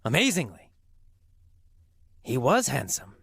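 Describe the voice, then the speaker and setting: Animated slow-talking male English teacher. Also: gravelly, husky, no room sound. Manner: very animated, leaps to high excited voices for quotes and drops to whispers. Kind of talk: storytelling lesson for learners.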